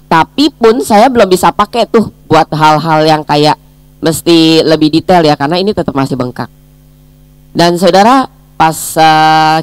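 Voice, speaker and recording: A woman's voice: low-pitched, no room sound. A woman leading a daily devotional, praying earnestly and then telling a personal testimony to her listeners. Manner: storytelling, addresses listeners as brothers and sisters; prays in a gentle, earnest tone. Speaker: devotional speaker.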